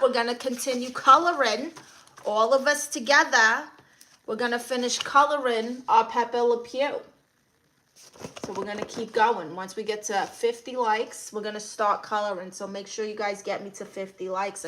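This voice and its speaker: Speaking with a Brooklyn accent, this woman runs a casual livestream where she says hello to viewers and fires back at comments, sassy and blunt in a playful way. Her voice is a little high with a sharp edge, and she hails from Brooklyn, New York, USA.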